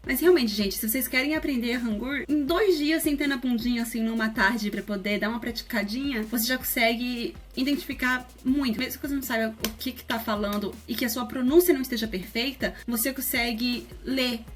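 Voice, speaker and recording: Chatty woman teaching pronunciation. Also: fairly high pitch. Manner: chatty, repeats words slowly and carefully. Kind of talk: casual video lesson.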